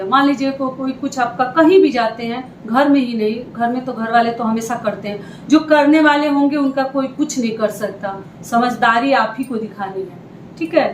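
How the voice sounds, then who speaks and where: A woman's voice: high-pitched, echoey room, a little hiss or hum, poor audio. A woman giving relationship advice to her viewers in an earnest, repetitive, direct way. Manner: earnest, repeats points, addresses viewers directly. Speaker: advice vlogger. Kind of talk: casual advice talk.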